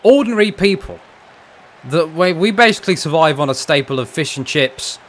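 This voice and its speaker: A man's voice: fairly high pitch, expressive, normal speed, a bit bright, slight background noise. A young man from England, chatting casually and ramblingly while streaming a fighting game, with frequent restarts and some mild swearing. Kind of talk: casual chat while gaming.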